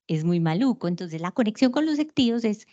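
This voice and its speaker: A woman's voice: mid-range voice, animated, fairly quick, mellow. Woman lecturer, explanatory, rhetorical questions, somewhat dull lo-fi recording. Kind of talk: online lecture on emotions.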